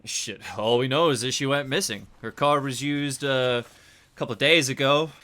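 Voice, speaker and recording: A man voicing a tired big-city detective in a tabletop game, loud and halting, stumbling over fillers. He has a bright, forceful edge to his voice at a middling pitch. A worn-down cop out of his depth. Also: close to an everyday voice. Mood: weary. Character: weary middle-aged male big-city police detective.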